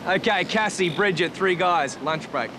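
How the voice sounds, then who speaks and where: A man's voice: high-pitched, normal speed, lightly acted. A man playing a laid-back former pro surfer turned coach, talking bluntly and easily. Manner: blunt, easygoing coaching talk. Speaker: surf coach. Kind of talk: TV teen drama acting. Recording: outdoor noise with surf.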